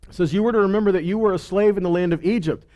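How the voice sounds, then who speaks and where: Talking very fast in a warm, high-pitched voice, this Bible teacher delivers a casual sermon. He reads out verses, then chats about them, asking rhetorical questions and supplying imagined answers.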